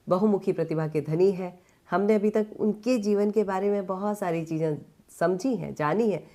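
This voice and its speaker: A woman's voice: on the low side, warm tone. A woman radio presenter hosting an interview in a studio, polished and attentive, who keeps the talk moving with brief affirmations.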